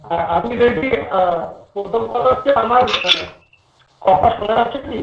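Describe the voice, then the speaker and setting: A man's voice: sits high, moderate pace, crowd noise. Man on a glitchy crackling call. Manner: hesitant, checking if heard. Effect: glitchy, crackling online call audio that cuts out. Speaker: presenter joining an online meeting. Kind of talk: casual call talk. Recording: lo-fi echoey video-call audio.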